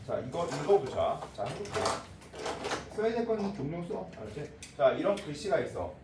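A man's voice: on the high side, big pitch swings, moderate pace. A male math teacher lecturing a class in a blunt, informal way, checking again and again that the students got it. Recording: echoey room, voice from a distance, faint noise.

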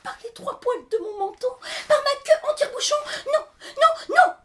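A woman's voice: very high voice, animated, normal speed, a bit bright, pitched above the performer's own voice. A woman voicing a defiant little male pig who squeals and giggles his refusal.

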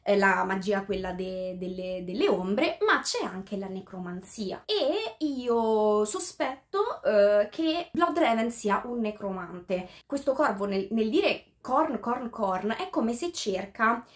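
A woman's voice: medium pitch, animated, takes it slowly, hardly any pauses. A woman reviewing a book in a casual, thinking-aloud way, full of fillers and restarts, sometimes reading passages out in English.

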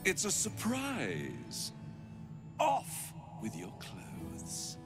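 An actor playing a sly, seductive incubus demon in a video game, theatrical and purring, with drawn-out words and whispered asides. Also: male voice, fairly high pitch, wildly swooping pitch, vocal fry, exaggerated voice. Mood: teasing. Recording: music behind the voice. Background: game music.

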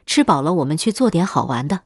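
A woman voicing a flirtatious middle-aged village husband who speaks low and suggestively. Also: big pitch swings, fast, slightly rough, no room sound, clean studio sound, full character voice.

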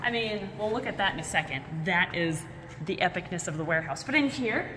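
Speaking fairly quickly in a fairly low voice, a young adult host leads a casual building tour on camera, excited and projecting. The large, empty warehouse and bare rooms make the sound echoey and noisy, recorded on a camera mic at short range.

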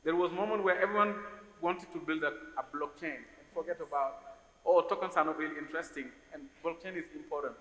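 A man's voice: a little high, fast talker, sharp tone. A Senegalese man in his forties, an investor on a conference panel, speaking thoughtfully and often repeating words as he searches for the next phrase. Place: large conference hall stage. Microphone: stage microphone on a stand. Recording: roomy hall reverb with faint hiss.

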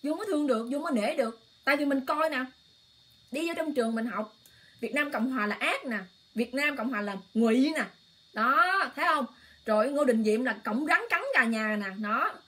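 A woman's voice: high-pitched, a little fast, fairly bright tone. A woman hosting an emotional political livestream, exclaiming often and speaking straight to her viewers in a heated, impassioned way. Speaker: online livestream host.

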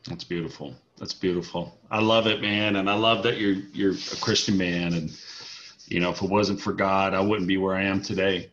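Deep bright-voiced male interview host. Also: level tone, moderate pace, muffled recording, a little hiss or hum. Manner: enthusiastic, effusive reactions. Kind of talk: casual interview chat.

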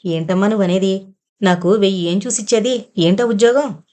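A woman's voice: medium pitch, fairly even intonation, a little fast, a little mellow, natural voice. A woman reading the part of an innocent young daughter who pleads and protests against her mother. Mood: bewildered. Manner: pleading and indignant. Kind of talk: audiobook character reading.

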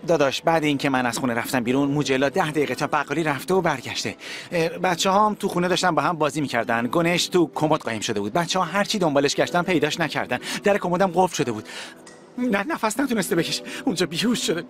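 A man's voice: fairly high pitch, animated, fairly bright tone. A flustered, ashamed young man. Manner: flustered, hesitant, apologetic. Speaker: dubbing actor. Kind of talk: dubbed TV drama.

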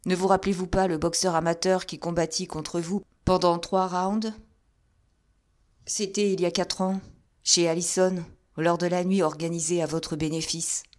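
A woman voicing a friendly, self-assured male detective who speaks calmly. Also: lowish voice, moderate pace, close to an everyday voice. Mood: affable. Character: cool, affable male detective.

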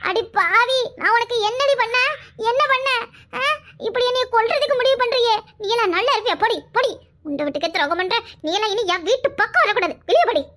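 A woman doing a frantic, wailing village wife. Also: very high-pitched. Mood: outraged. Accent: Kanyakumari Tamil. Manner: wailing, pleading, scolding. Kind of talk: cartoon voice acting.

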